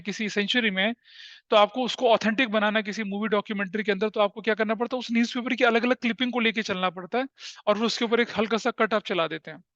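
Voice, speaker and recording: A teacher lectures a class and tells stories with energy, often asking his students questions. His voice sits high and sounds bright and forceful. The sound is dry and a bit muffled. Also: no echo. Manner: animated storytelling, asks the class questions.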